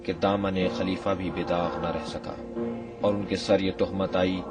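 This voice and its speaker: A man's voice: sits low, far from the mic, over loud music. A man narrating a historical drama in a formal, scripted way. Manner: even, formal.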